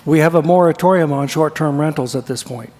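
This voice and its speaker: A male council member states his objections firmly and refers to the ordinance. His voice sits a little high. The room adds a long reverb. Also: warm tone. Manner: firm, deliberate, cites the code. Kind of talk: council deliberation.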